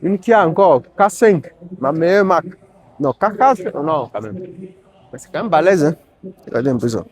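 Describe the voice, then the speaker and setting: A man's voice: fairly high pitch, lively intonation, normal speed, pauses often. A man giving casual, rambling commentary while walking around an outdoor used car auction lot, filming on a handheld phone. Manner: chatty and rambling, sprinkled with tags and asides.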